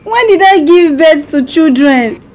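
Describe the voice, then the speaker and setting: A woman's voice: high voice, lively intonation, measured pace, crowd noise. A Nigerian-accented woman playing a confused wife with amnesia on a prank phone call, puzzled and full of questions. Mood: bewildered, lost. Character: confused wife feigning amnesia, bewildered and lost.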